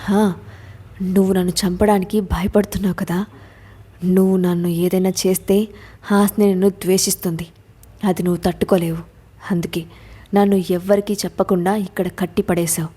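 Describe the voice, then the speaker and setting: A woman's voice: on the low side, level tone, normal speed, pauses often, dark tone, husky. A woman voicing a wounded young man who is tied up and alternately pleads and defies his captor, in an audio story. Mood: defiant. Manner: stammering, pleading then defiant. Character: injured young man, bound, defiant and pleading.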